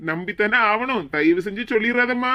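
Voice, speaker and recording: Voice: mid-range voice, expressive, moderate pace, fairly bright tone, natural voice. A performer voicing a Kanyakumari office man. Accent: Kanyakumari Tamil. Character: young male office worker, good-natured. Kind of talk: animated cartoon dialogue.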